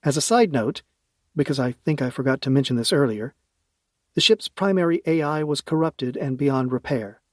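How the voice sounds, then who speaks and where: A man's voice: medium pitch, moderate pace, no room sound. A man narrating a science fiction audiobook in the first person, with a wry, dry humor.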